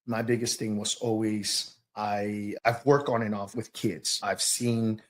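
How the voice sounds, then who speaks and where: A man from Oaxaca, southern Mexico, appears as a podcast guest and tells personal stories about his work as a youth soccer coach and business owner. His voice is fairly low with fairly even intonation, and he speaks hesitantly and reflectively, reaching for words with a touch of nervousness.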